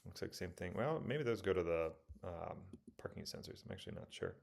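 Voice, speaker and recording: A man casually talking through auction photos of a car, rambling and correcting himself with many pauses. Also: sits low, lively intonation, vocal fry. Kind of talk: casual commentary over photos.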